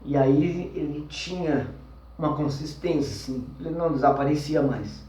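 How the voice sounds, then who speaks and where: A young man with a Brazilian Portuguese accent tells an intense personal story, rushing in agitated bursts and then slowing to hushed, trailing phrases full of fillers. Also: fairly high pitch. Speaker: vlogger telling a personal experience. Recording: roomy, mic at a distance.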